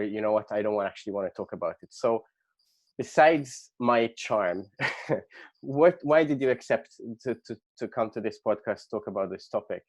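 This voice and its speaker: A man's voice: on the low side, darkish tone. Hesitant man hosting a podcast. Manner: hesitant, rambling, many fillers and restarts. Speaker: podcast host. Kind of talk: casual interview chat.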